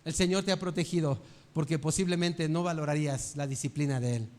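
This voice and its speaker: A man's voice: fairly high pitch, a little fast, a little mellow. An older man, preaching a sermon with earnest rhetorical questions. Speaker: pastor.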